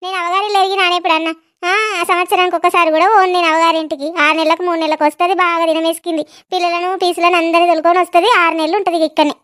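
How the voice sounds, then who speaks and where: A woman playing a quarrelsome, jealous village wife who scolds in fast, rapid-fire complaints. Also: very high voice, level tone, fairly bright tone. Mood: complaining.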